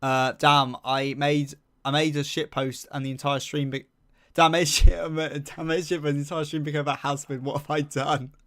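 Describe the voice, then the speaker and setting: A man's voice: on the high side, level tone, brisk, fairly bright tone. A young man chatting casually on a live stream, reading chat and rambling with lots of fillers while humming to himself.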